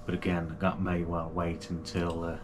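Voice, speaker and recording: A British man who hosts a kayaking channel talks through a casual product unboxing in a small indoor gaming room at home, his voice slightly low, monotone, and at a normal speed. He sounds chatty and enthusiastic, often using fillers and restarting sentences. Background noise is clearly audible.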